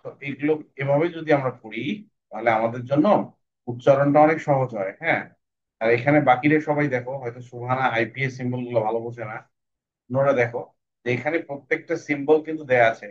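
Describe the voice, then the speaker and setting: Patient male phonics teacher, lo-fi call. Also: mid-range voice. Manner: patient, repeats sounds slowly for pupils to copy. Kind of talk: online class with young students.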